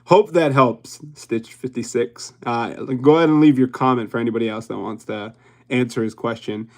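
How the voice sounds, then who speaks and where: Hosting a relaxed YouTube livestream, this young Hawaiian man talks to his viewers at a moderate pace in a steady, mid-range voice. His chatter wanders, and he laughs frequently.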